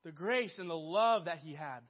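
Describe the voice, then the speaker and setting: A man delivers a sermon in a high, bright-edged voice. He speaks earnestly, swelling to emphatic peaks and then sinking soft. The recording sounds dull and lo-fi. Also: animated, normal speed. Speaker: pastor.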